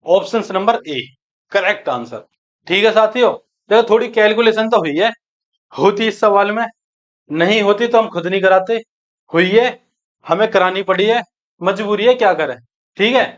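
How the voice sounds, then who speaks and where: High-voiced man teaching maths, muffled. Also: moderate pace. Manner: talks through calculations aloud, asking and answering his own questions; addresses students as friends and brothers. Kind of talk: exam-prep maths lesson.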